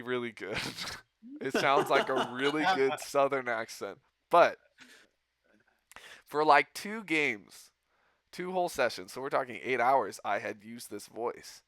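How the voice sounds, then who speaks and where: A man's voice: medium pitch, bright, forceful tone, no echo. A man hosting a podcast, telling a rambling story in casual chat and laughing often. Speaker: podcast host.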